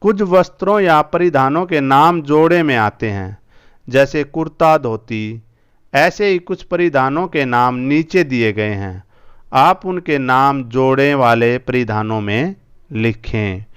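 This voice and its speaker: Slow, clear-voiced man teaching a lesson. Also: mid-range voice. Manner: slow, spells out words, repeats each word twice or three times. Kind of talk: school Hindi lesson.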